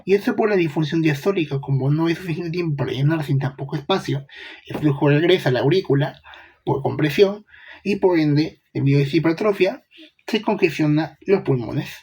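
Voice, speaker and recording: Young man, casual medical lecture, husky voice, rhetorical questions. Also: fairly high pitch, brisk, a little mellow. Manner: chatty, asks rhetorical questions, slangy asides.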